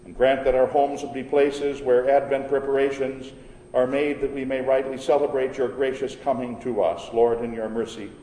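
A pastor leading a church service, praying and chanting the liturgy in a solemn, measured way, his voice echoing through a large church. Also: medium pitch, level tone, dark tone, slight background noise. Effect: cathedral-like echo from a large church. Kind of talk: liturgical prayer and chanted responses. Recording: roomy church hall with long reverb, faint organ.

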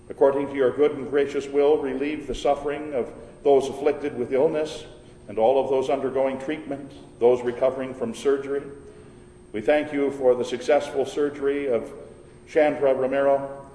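A male pastor recites liturgical prayer with solemn, formal care and a measured delivery. His mid-pitched voice rings through a large, echoey church with long reverberation. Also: warm tone, slight background noise. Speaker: pastor leading a church service.

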